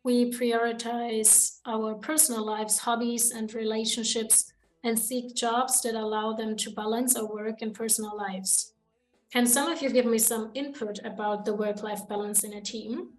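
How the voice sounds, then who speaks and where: A young woman from Germany hosting a student podcast, reading prepared points in a measured way. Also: a little high, level tone, low-quality recording. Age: young adult. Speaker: podcast host. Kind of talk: student podcast, read from notes.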